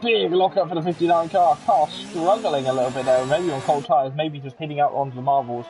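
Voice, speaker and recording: A man giving live commentary on a racing league, excitable and chatty with joking asides. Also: fairly high pitch, brisk. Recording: game engine noise under the voice. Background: racing car engine sounds from the game.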